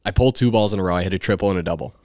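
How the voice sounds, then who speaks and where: A young man, a baseball player, casually telling his story as a podcast guest, animated and swearing freely. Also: sits low, very fast, no room sound, clean studio sound. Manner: animated, swears freely, acts out quoted voices.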